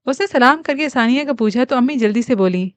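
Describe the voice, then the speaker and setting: Woman, audiobook narrator, steady novel narration, smooth resonant voice, dry close sound. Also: sits high, no echo.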